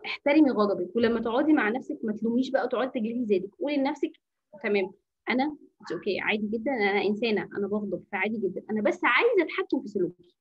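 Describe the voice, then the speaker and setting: A woman with an Egyptian Arabic accent runs an informal anger-management workshop as a teacher, talking at a quick clip. Her voice is a little husky and breathy and sits slightly high. She coaches through rhetorical questions and mixes in English phrases, and the audio is dull and lo-fi like an online session. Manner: coaching, asks rhetorical questions and answers them.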